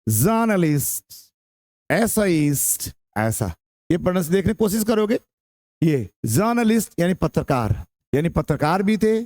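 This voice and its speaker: A man's voice: sits high, warm tone. A male English teacher with a Bihari Hindi accent giving a classroom-style lecture, drilling pronunciation by repeating words and checking that students understand. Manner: mixes in English terms, asks students if they understood.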